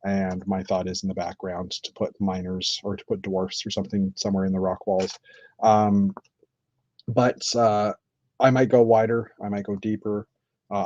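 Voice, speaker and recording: A man chatting casually on a live stream while building, thinking aloud with many pauses and fillers. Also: low-pitched, darkish tone, no room sound. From Canada. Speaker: streamer building with toy bricks. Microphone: computer mic on live stream. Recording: dull lo-fi stream audio.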